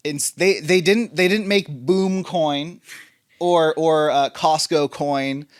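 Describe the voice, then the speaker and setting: A man's voice: a little high, slow pace, smooth. A man co-hosting a podcast in casual chat, telling stories in a loose, rambling way. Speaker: podcast co-host.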